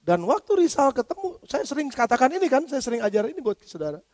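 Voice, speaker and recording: Male pastor, very high-pitched, lively sermon, long church-hall reverb. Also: fast. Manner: lively preaching, acts out quoted speech in slangy Jakarta style.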